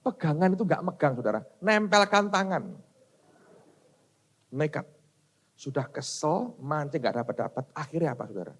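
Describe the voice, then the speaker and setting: Animated middle-aged pastor preaching. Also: male voice, fairly high pitch, normal speed, pauses often, husky. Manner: addresses the congregation as "saudara", animated storytelling. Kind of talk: sermon with personal stories.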